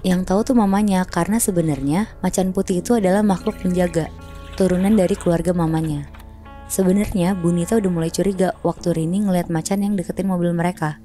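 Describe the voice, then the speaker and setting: A woman's voice: on the low side, steady tone, fast talker, dark tone, soft background music. A woman casually telling a horror story on a podcast, chatty and slangy, acting out sounds.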